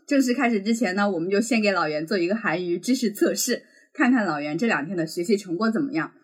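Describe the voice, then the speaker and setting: Woman, podcast host, husky voice, wry, matter-of-fact, casual chat. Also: medium pitch, lively intonation, fast.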